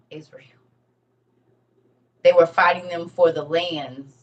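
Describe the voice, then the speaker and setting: A woman's voice: low-pitched, a bit bright, recorded from a distance. A woman giving an emphatic, repetitive casual lecture to her viewers, teaching as she reads. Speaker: online teacher on religion and history.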